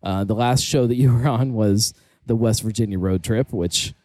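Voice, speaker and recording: A man's voice: on the low side, normal speed, warm tone, dry recording. A man hosting a podcast in a casual, rambling, jokey chat. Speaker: podcast host. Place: table in the corner of a brewery tap room.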